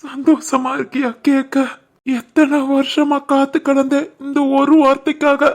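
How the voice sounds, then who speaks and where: A woman's voice: sits high, level tone, a little slow, a little mellow. A woman voicing a tearful remorseful village father. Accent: Kanyakumari Tamil. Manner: pleading, choked with emotion. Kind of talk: animated family drama voice acting.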